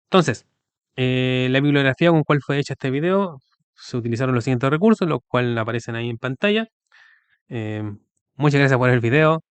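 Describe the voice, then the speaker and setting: Clear-voiced man teaching. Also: medium pitch, expressive, brisk, no echo. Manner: explains step by step with frequent rhetorical checks. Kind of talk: recorded video lecture.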